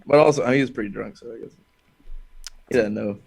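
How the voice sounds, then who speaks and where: A man from Alabama with an ordinary mid-range voice, talking loosely and poking fun at himself. He laughs easily as he tells old stories in relaxed podcast chat. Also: mid-range voice, fast talker, vocal fry, breathy edge. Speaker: guest comedian.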